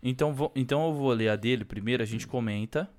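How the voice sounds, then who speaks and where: A man's voice: mid-range voice, fast, darkish tone. A young male podcast co-host with a Brazilian Portuguese accent and a mid-range voice. His talk is informal and playful, thick with slang and the occasional curse. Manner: informal, playful, swears casually. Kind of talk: casual, slangy podcast chat.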